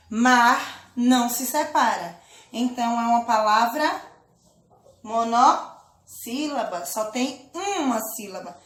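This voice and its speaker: A woman teaching a children's lesson, speaking slowly and patiently, drawing out words and often checking in with her listeners. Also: fairly high pitch, a bit bright, roomy sound. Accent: Brazilian Portuguese. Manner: slow, patient, drawn-out syllables with check-in questions. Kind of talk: children's lesson, clapping out syllables.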